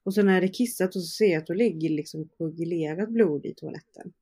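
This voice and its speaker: A woman's voice: fairly low pitch, dark tone, breathy edge. A young woman, an interview guest, casually recounting personal events with fillers and quoted dialogue. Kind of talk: personal storytelling in conversation.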